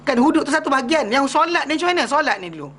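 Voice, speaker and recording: Fast-talking Malaysian religious teacher. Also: male voice, very high voice, big pitch swings, a bit bright. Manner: conversational, rhetorical questions, retells anecdotes. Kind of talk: hadith class lecture. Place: classroom.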